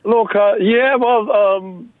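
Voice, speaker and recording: A man from Argentina with an Argentine Spanish accent, a guest on a radio interview, speaking haltingly with many fillers and restarts. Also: high-pitched, no echo. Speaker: guest, local rugby supporter. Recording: phone line, dry.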